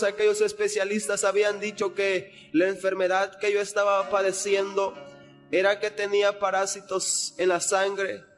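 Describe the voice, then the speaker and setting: Young man, high and flat delivery, earnest testimony, echoing hall with faint music behind. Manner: earnest, retelling with repeated phrases. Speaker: person giving a testimony. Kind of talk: spoken religious testimony.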